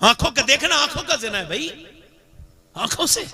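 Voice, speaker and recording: A male preacher giving a dramatic storytelling sermon, moving between shouts and hushed pleas. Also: extremely high pitch, very animated, normal speed.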